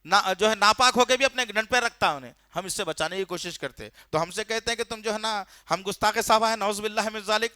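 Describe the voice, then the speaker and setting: A man's voice: high-pitched, few pauses, bright, forceful tone, clear, resonant tone, no echo, clean studio sound. A man preaching a sermon. He tells the story with fervour and indignation, and he puts questions straight to his listeners. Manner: storytelling, questions the audience directly; fervent, indignant.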